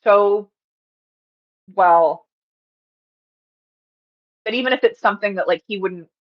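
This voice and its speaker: A woman describing her character in a tabletop game, pausing often as she searches for her words. Her speech is slow, and the audio is muffled and lo-fi. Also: medium pitch. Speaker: player.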